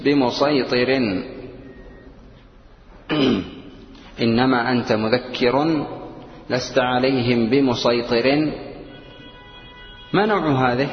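A man teaching a lesson in a slow, explanatory way, asking and answering his own questions and chanting the verses he uses as examples. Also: medium pitch. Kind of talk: Quran recitation rules lesson. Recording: dull, roomy echo with long reverb.

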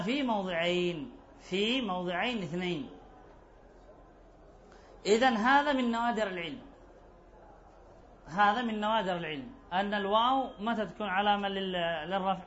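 A man's voice: high-pitched, a bit bright, a little hiss or hum. A man teaching an Arabic grammar lesson. He repeats key phrases and asks his class rhetorical questions. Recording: dull lo-fi recording.

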